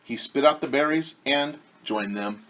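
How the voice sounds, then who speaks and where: A man reading a children's story aloud as a teacher, expressive, with casual asides that explain things simply. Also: medium pitch, measured pace.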